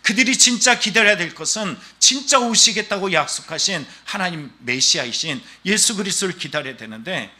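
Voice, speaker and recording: A male pastor preaching a Sunday sermon, telling stories and acting out the voices of the people in them. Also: a little high. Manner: animated storytelling preaching, acting out quoted voices.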